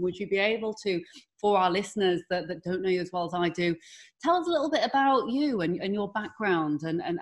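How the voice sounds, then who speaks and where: Woman, slightly low voice, podcast host, rambling questions, "you know" fillers. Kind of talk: podcast interview.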